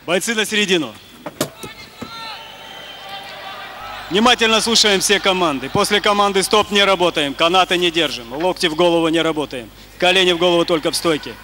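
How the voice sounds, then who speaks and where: A man's voice: high voice, fast talker, few pauses, bright, forceful tone. A man refereeing a fight, giving clipped rules and commands in the ring of a large arena.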